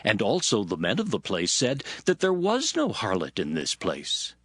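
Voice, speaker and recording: An earnest, husky-voiced go-between from a biblical audio drama, acted by a man. His pitch swings extremely widely, and the recording is close and dry. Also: wildly swooping pitch, moderate pace, dry recording, full character voice. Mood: puzzled. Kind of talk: dramatized scripture acting.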